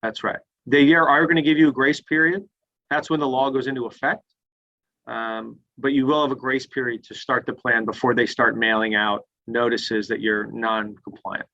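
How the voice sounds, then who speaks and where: A man walks an online audience through the rules in a plain, step-by-step way, often opening with "so". His voice is bright and forward. It comes through as dull, lo-fi call audio from a screen recording. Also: mid-range voice, little pitch movement, normal speed. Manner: plain, step-by-step, starts sentences with "so". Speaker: webinar presenter on retirement plans. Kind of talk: explaining and answering audience questions.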